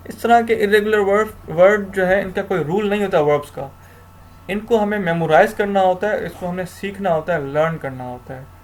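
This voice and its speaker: Speaking at an ordinary speed in a high-sitting voice, a man teaches grammar, laying out each rule in turn. His lecture blends Hindi with English, and he keeps circling back to repeat or restart his points.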